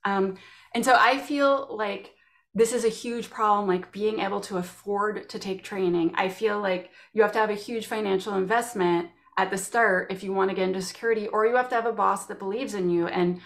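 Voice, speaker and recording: Canadian woman telling animated stories. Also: medium pitch, fairly quick. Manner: animated storytelling, acts out quotes. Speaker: guest. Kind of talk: casual interview chat.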